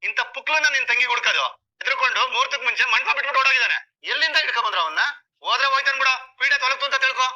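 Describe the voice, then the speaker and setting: A man voicing a fiercely protective older brother who speaks in forceful, threatening outbursts. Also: extremely high pitch, expressive, rapid-fire, muffled recording, exaggerated voice. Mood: angry, scornful.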